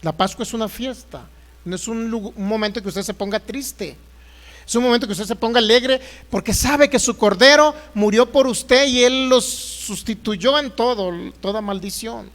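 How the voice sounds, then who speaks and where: A man's voice: extremely high pitch, moderate pace. A man preaching a sermon as pastor, asking the congregation questions and acting out Bible figures. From Mexico. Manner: lively preaching, acts out voices of Bible figures, rhetorical questions.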